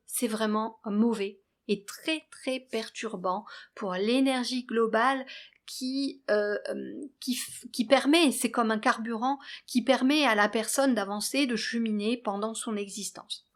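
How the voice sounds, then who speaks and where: A woman hosting a spiritual guidance channel, talking in a measured, earnest way with hesitant restarts. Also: fairly high pitch. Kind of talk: spoken spiritual guidance monologue.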